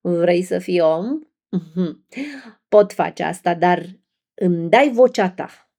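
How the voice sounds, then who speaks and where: A woman's voice: on the low side, vocal fry, dark tone. A woman voicing a scheming female sea witch who drags out her words as she bargains. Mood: sly. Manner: slow, drawn-out bargaining.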